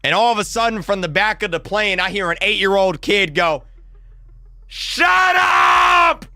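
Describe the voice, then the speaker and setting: A man telling a story in an animated, casual way, excitable and slangy with lots of restarts. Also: sits high, fairly quick, heavy background noise.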